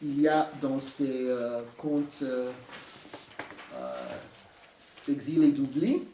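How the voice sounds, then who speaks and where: A man with an American accent giving a halting talk about his book, full of fillers and restarts. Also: mid-range voice, steady tone, warm tone, a little hiss or hum. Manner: hesitant, many fillers and restarts. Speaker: author presenting his book. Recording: echoey room from far off.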